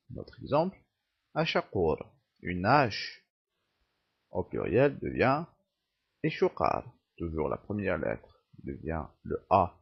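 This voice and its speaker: Male teacher for a grammar lesson, husky and unhurried, dictates words one at a time, muffled lo-fi recording. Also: mid-range voice. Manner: slow, halting dictation of example words. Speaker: language teacher.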